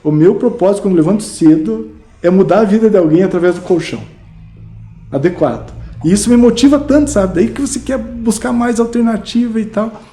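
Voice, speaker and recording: Brazilian man, middle-aged, animated storyteller guest; dark tone, echoey room. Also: high voice, a little fast. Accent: Brazilian Portuguese. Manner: animated, lively anecdotes with many fillers. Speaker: guest, mattress salesman. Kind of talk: casual storytelling interview. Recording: roomy podcast studio.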